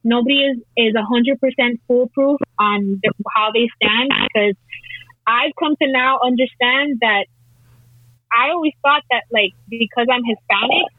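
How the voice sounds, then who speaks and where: Woman on a conference call, kinda high voice, little husky, earnest, stops and restarts a lot. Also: moderate pace, no room sound. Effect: conference call audio. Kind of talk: casual discussion. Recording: tinny call line, dry.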